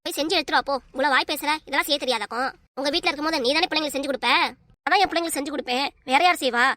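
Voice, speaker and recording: A woman voicing a sharp-tongued cartoon mother who nags and scolds her family nonstop. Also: sits high, no echo. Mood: scolding. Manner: nagging, rapid-fire scolding. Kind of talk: cartoon dub acting.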